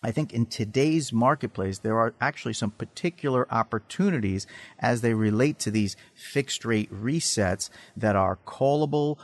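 A man giving explanatory market commentary as a guest analyst, technical and measured, with some hesitancy. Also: medium pitch. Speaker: financial research analyst guest. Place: studio.

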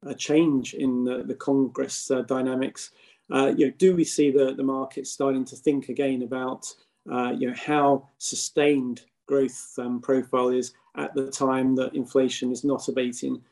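A man speaks as an expert guest in an interview, in a mellow voice with little variation in pitch. He explains things in long, winding, hesitant sentences. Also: level tone, normal speed, vocal fry. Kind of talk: podcast interview commentary.

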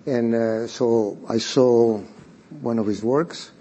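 Male guest, mid-pitched husky voice, talks in hesitant stops and restarts. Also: fairly even intonation, slow pace, dark tone, muffled recording. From Argentina. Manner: hesitant, restarting phrases with frequent "uh". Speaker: private art collector, guest. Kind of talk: conversational storytelling on a panel.

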